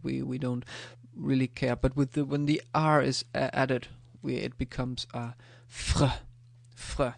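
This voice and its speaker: A man giving a pronunciation lesson. He talks slowly and hesitantly, with many fillers, and repeats the sounds he teaches. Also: mid-range voice, vocal fry, dry recording. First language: Danish. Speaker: language teacher.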